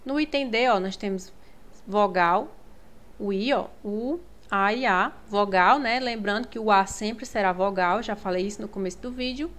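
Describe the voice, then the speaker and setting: A woman's voice: medium pitch, normal speed, a bit bright. A woman teaching a grammar lesson, patiently working through exam questions and checking in with her students as she goes. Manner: patient, repeats key words, checks in with "tá?" and "ó".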